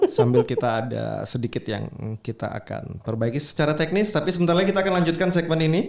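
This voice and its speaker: A man hosting a podcast discussion, leading the panel with questions and slow, emphatic phrasing. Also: a little high, fairly even intonation, creaky, darkish tone, reverberant. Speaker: podcast host. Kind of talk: hosting a true-crime discussion.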